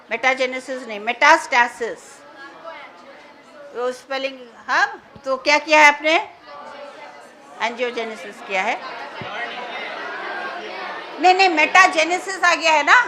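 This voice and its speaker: A woman teaching biology, going through exam answers in mixed Hindi and English and slowing down to dictate key terms. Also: high-pitched, sharp tone. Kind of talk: exam answer walkthrough lesson.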